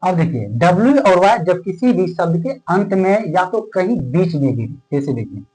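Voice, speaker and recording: Fairly high-voiced man teaching a class. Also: very animated, darkish tone, poor audio. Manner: asks questions and answers them himself, repeats key terms; stretches words out slowly while writing. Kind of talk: classroom board lesson.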